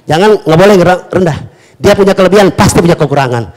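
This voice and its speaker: A man preaching a weekly sermon, scolding the listeners in lively slang. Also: high voice, fast talker. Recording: long hall reverb, mic distance varies.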